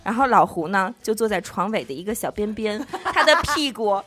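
A woman co-hosting a podcast, telling stories in casual chat, animated and laughing often as she acts out quotes. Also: mid-range voice, fairly quick, soft background music. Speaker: podcast co-host.

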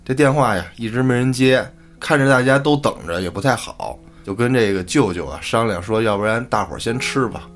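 A man hosting a podcast and telling a spooky tale in a colloquial, relaxed way. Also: mid-range voice, brisk, hardly any pauses, soft background music. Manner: colloquial, relaxed, casual swearing. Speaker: podcast host. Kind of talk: storytelling narration.

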